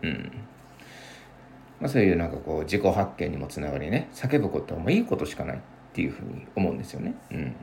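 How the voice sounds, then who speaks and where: A young man in his twenties chatting alone in a casual, rambling way, with many fillers and sudden lively bursts. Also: low-pitched, fast, gravelly, slight background noise. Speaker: podcast host. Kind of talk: casual solo chat.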